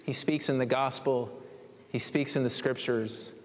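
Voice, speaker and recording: A man's voice: mid-range voice, steady tone, a little slow, a bit bright. A man preaching a sermon as pastor, earnest with rising emphatic exhortations. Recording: long hall reverb.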